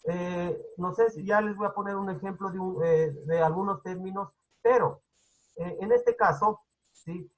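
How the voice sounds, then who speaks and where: A teacher with a Quito highland accent, giving an online class lecture and explaining patiently while constantly checking in with the students. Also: steady tone, a little slow, low-quality recording. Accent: Quito highland Spanish. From Ecuador.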